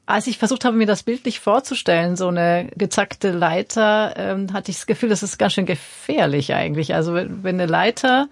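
A woman interviewer puts curious, reflective questions to her guest, sharing her own impressions along the way. Her voice has a gravelly, husky grain. The sound is close and dry, with no room around it. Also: mid-range voice, moderate pace, few pauses, no echo. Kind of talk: interview conversation.

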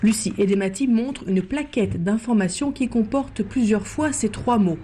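A woman radio reporter narrating a news report in a measured, even way. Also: medium pitch, a little hiss or hum.

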